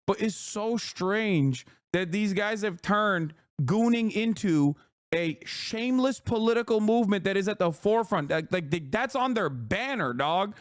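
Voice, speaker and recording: High-voiced, emphatic streamer man. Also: lively intonation, unhurried, no echo, clean studio sound. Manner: emphatic, profane, laughs often. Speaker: streamer and political commentator. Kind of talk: casual reaction commentary.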